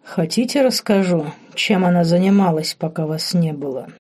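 Woman voicing respectful male butler, calm polite tone, low mellow voice. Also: moderate pace. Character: loyal respectful old-fashioned male butler.

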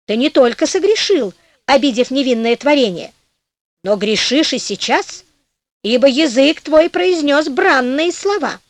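Storybook priest: a slow, sermonizing, easily flattered old man, voiced by a woman. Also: a little high, dry recording. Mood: solemn. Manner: slow, solemn, reproachful.

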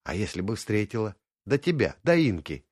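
A man's voice: fairly low pitch, very animated, moderate pace, a little mellow, dry recording, studio quality. A man voicing a frank, thoughtful young woman in an audiobook, candid and wry.

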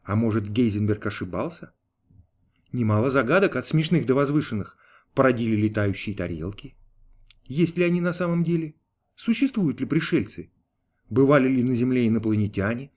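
A man's voice: mid-range voice, animated, moderate pace, darkish tone, close to an everyday voice. A man reading an audiobook, voicing a dutiful male archangel who answers politely and with restraint. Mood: deferential. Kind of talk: audiobook character voice.

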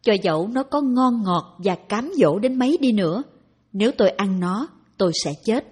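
A woman reading a dharma talk aloud in a calm, even narration. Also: medium pitch, normal speed, slightly rough. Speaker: reader of dharma talks.

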